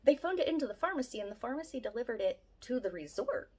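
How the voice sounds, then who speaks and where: A woman's voice: on the high side, sing-song, quick pace, darkish tone, slightly rough. A woman about to turn fifty with a Philadelphia-area accent, chatting casually to camera in a rambling, self-deprecating way. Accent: Philadelphia-area American. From Southeast Pennsylvania, USA. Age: late 40s, turning fifty. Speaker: vlogger.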